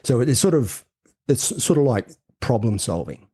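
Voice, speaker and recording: Mellow-voiced man explaining, dry close sound. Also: mid-range voice, big pitch swings, slightly rough, dry recording. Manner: halting, many restarts and fillers, explanatory. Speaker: co-host. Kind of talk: casual podcast conversation.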